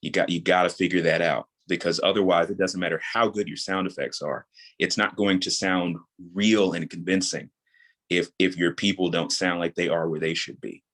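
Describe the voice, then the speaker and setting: A man in his thirties with a deep, steady, fairly bright voice speaks at normal speed as a podcast guest. An audio drama creator, he explains his creative craft in a casual interview, repeating points for emphasis.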